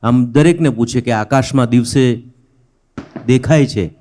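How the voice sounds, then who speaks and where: A man's voice: mid-range voice, unhurried, mellow, slight background noise. A man hosting a poetry gathering, chatting and telling an anecdote to fill time between performers. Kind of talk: stage compering.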